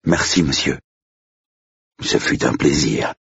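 Storybook butler, old and gentle, voiced by a man; deep husky voice, dull dry sound. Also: slow, no room sound, heavily acted.

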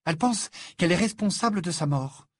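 A man's voice: sits high, expressive, brisk, breathy edge, no room sound, voice pushed up. A man voicing a clever, earnest teenage girl who protests and explains in a storybook reading. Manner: earnest, indignant.

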